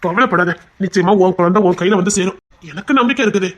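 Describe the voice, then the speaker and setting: Fast-talking sneaky fake friend guy, prying, smooth, as someone acts him out. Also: mid-range voice, close to an everyday voice. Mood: sly. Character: sly scheming young man, fake best friend.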